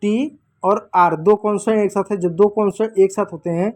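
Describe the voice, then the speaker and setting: A man's voice: high voice, steady tone, fairly quick, darkish tone. Guy teaching kids phonics, repeats the sounds a bunch, asks the class stuff then answers it himself. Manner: patient, drills sounds by repeating them. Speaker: English teacher for children.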